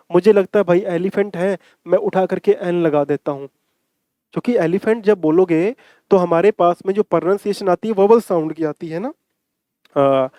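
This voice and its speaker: Guy teaching grammar, kinda high voice, dry close sound, keeps asking if u got it. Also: dark tone, dry recording. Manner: coaxing, repeats points, asks 'ठीक है?' often; slow drawn-out English example sentences. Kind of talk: exam-prep grammar lesson in Hindi with English.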